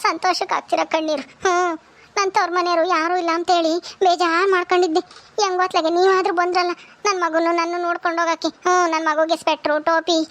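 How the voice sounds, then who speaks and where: A woman's voice: very high voice, a bit bright. A woman voicing a tearful, emotional young village mother. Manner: tearful, pleading, heartfelt.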